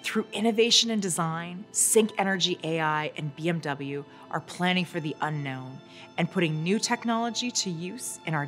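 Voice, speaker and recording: A woman's voice: on the low side, fairly bright tone. A woman reading a polished advertising voice-over as narrator.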